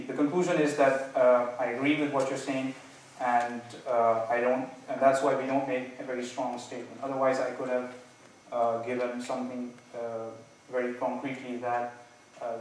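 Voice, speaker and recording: A man defending his PhD thesis, nervous and hedging, halting with many false starts and repeated words. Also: mid-range voice. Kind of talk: academic thesis defense, spontaneous answers. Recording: very echoey room, distant mic, faint noise.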